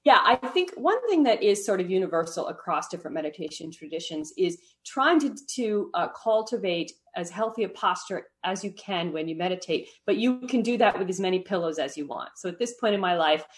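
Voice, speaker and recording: A woman's voice: fairly low pitch, animated, fairly quick, few pauses. A woman as a podcast guest, explaining meditation habits in a friendly, explanatory way and often checking in with "right?". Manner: explanatory, often tags "right?", light laughs. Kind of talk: podcast interview.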